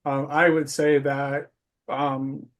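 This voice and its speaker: A man in a casual philosophical discussion whose sentences come out halting and tangled. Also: medium pitch, little pitch movement.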